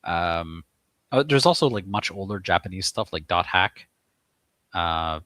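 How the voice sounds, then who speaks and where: A man's voice: sits low, expressive, unhurried, bright, forceful tone, no echo. A man from Eastern Canada with a Quebec English accent, a guest author chatting casually in an interview with many fillers and restarts.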